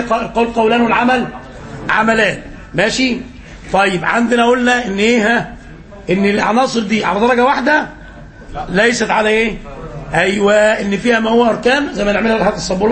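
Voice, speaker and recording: Sitting high and slightly bright, this man's voice carries an Egyptian accent as he teaches an Islamic lesson as a sheikh. He poses questions to listeners and supplies the answers, repeating phrases to drive points home.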